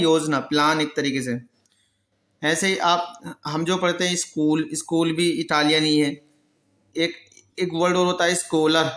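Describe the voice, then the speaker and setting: A male teacher giving a vocabulary lesson, who explains patiently, answers his own questions and repeats each word slowly. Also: sits high, a bit bright, echoey room. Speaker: English pronunciation teacher. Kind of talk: Hindi-language vocabulary lesson.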